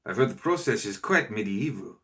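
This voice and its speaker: A man voicing a polite, calculating gentleman visitor who speaks carefully and courteously, in an audiobook. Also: on the low side, animated, fairly quick, gravelly. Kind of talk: audiobook character voice.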